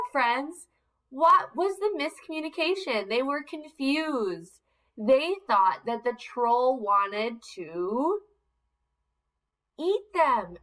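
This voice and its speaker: A woman's voice: sits high, fairly bright tone, low-quality recording. A woman teacher reading a picture book aloud to young children, coaxing them with questions.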